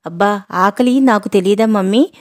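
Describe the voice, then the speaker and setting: A woman voicing a sharp-tongued young female student who talks in a snappish, mocking way. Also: medium pitch, moderate pace, no room sound, studio quality, close to an everyday voice.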